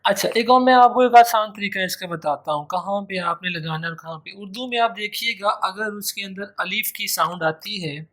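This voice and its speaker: A man's voice: high voice, normal speed, few pauses, a bit bright. A man giving an exam-prep grammar lecture, repeating key phrases and stretching out his example words. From Pakistan. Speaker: English teacher.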